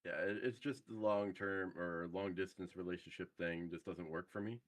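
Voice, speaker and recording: A young man chatting casually over group voice chat while gaming, hesitant and halting with lots of fillers. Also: low-pitched, steady tone, dry recording. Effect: heard over group voice chat.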